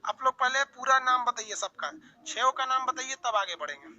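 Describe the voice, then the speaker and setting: A man's voice: very high-pitched, normal speed, pushed and bright. A man teaching an online class, drilling students with repeated lists and teasing colloquial asides. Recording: dull lo-fi online class audio.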